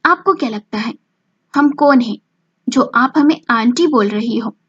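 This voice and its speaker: A stern grandmother scolds in stiff, formal words, as a woman storyteller puts her on. The voice sits fairly high with a husky edge. It comes through a dull, lo-fi recording. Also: a little slow, a bit bright. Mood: stern scolding. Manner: formal, scolding, uses royal we. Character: stern commanding grandmother, a strict mother-in-law.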